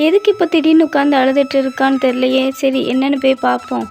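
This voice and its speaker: Woman playing a gentle mum, soothing, concerned, cartoon story, quiet music behind. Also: high-pitched, fairly even intonation, fast talker, creaky. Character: caring mother, soothing and concerned.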